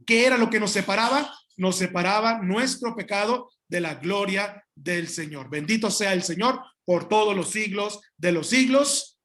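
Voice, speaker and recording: A man pastor preaching a sermon, emphatic and addressing the congregation directly, with halting restarts and asides. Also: high voice, fairly bright tone.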